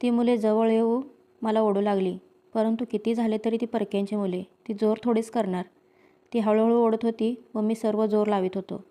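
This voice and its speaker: A woman reading a story aloud in a steady, even storybook manner. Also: fairly high pitch, moderate pace. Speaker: reader.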